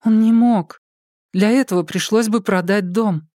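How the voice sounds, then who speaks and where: A woman's voice: mid-range voice, steady tone, unhurried, warm tone, no room sound, clean studio sound, natural voice. A woman voicing a meek young housekeeper who blames herself, read in an audiobook. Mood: resigned. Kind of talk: audiobook character voice.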